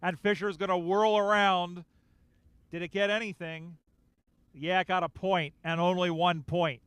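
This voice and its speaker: Man, sports commentator, live play-by-play, slightly high voice, close dry mic. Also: clean tone, dry recording. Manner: rapid play-by-play, rising excitement on big plays. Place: outdoor sports field.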